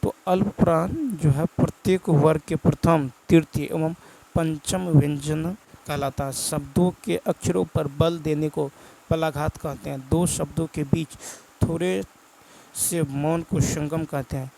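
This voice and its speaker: A man's voice: a little high, steady tone, measured pace, creaky, dark tone, slight background noise, low-quality recording. A male teacher, with a Bihar Hindi accent, goes through exam prep answers, reading each question and then repeating the answer.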